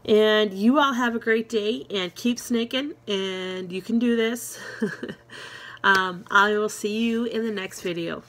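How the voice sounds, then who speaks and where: A woman's voice: mid-range voice, a little slow, hardly any pauses, a bit bright, a little hiss or hum. A woman talking casually to her viewers in a vlog, rambling with many fillers and restarts, friendly and encouraging. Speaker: vlogger. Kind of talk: casual chat to camera.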